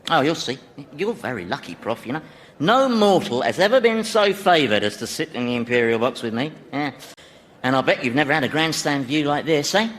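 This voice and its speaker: A man's voice: a little high, big pitch swings, a little fast, a bit bright. A man playing Satan as a blasé, chatty, sardonic ruler of Hell in a radio sitcom, offhand and hesitant. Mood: casual, wry. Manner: offhand, conversational, hesitant, wry.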